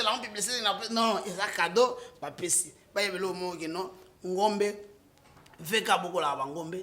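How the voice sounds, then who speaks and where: Congolese-accented male political guest; impassioned, emphatic, swings between French and Lingala. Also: sits high. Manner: emphatic, rising to loud outbursts, with restarts. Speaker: political guest, party supporter.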